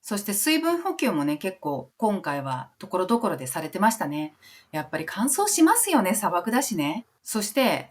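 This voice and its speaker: A middle-aged woman talks to her viewers in a casual, expressive monologue. Her voice sits a little low but moves up and down a lot. She jumps up high in pitch whenever she acts out someone else's reaction. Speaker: music teacher and vlogger. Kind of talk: casual monologue about a concert.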